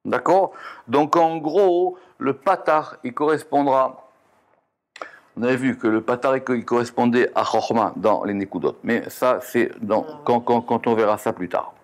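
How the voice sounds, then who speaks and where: A man leads a Kabbalah study lesson at a middling pitch. He reads out Hebrew letters and vowel points and then explains them. He often stops mid-sentence to correct himself and start over. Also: unhurried. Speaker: teacher.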